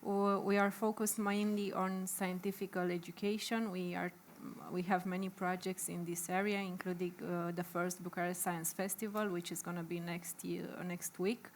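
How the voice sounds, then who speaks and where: A woman in her thirties with a Romanian accent, speaking on a panel with many pauses and fillers. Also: fairly low pitch, level tone, a little hiss or hum. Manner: hesitant, many fillers, slightly nervous. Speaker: panelist for a humanist association. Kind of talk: panel discussion.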